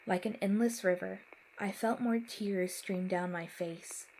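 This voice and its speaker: A woman reading a first-person horror story aloud in a measured, dramatic way. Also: medium pitch, steady tone, a little mellow, a little hiss or hum, poor audio. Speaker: story narrator. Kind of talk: scripted horror narration.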